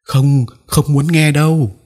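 A man's voice: fairly even intonation, slow pace, a little mellow. A man doing a shrieking, terrified little girl. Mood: tearful. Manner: shrill, pleading cries.

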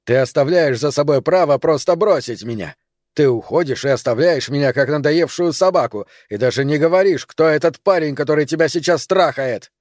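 A desperate, jealous man, as a male audiobook reader plays him, pushing his voice higher and louder in a string of pleading questions. The recording is dry and close, with no room sound. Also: dry recording, natural voice. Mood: furious. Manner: loud, pleading, rapid-fire questions.

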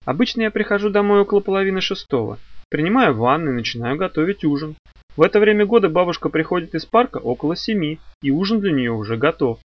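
A man's voice: fairly high pitch, very animated, fast, dry recording, lo-fi sound, pitched above the performer's own voice. A man reading the lines of an evasive, worried young secretary in hesitant, guarded replies. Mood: matter-of-fact.

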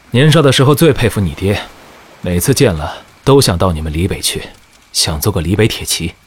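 Tired blunt general, deep husky voice. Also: male voice, animated, unhurried, pauses often, a bit bright, exaggerated voice. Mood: weary. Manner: low, tired and plain-spoken. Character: weary border general, frank and bitter. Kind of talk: audio drama acting.

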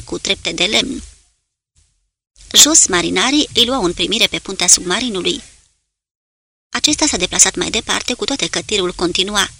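Audiobook narrator, woman: bright tone with vocal fry, measured dramatic reading. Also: mid-range voice.

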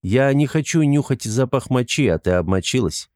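A man's voice: medium pitch, animated, normal speed, darkish tone, no echo, voice pushed up, natural voice. Man doing sardonic young hero, commanding, dry tone, close dry recording.

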